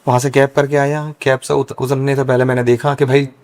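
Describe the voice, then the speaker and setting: His tone stays level and his delivery brisk, with a medium pitch. The speaker is a young Brahmin priest, a podcast guest who earnestly explains at length in a relaxed conversation.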